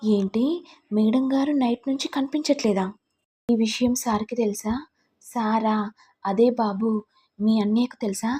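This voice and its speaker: A man's voice: sits high, fairly even intonation, normal speed, pauses often, mellow, husky. A woman voicing a deferential older male caretaker who asks anxious questions and calls his employers sir and madam. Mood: worried.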